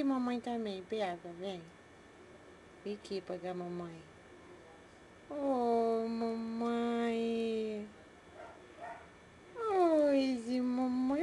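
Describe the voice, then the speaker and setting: High cooing woman in slow baby talk. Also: mellow, slight background noise. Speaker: pet owner talking to her turtles.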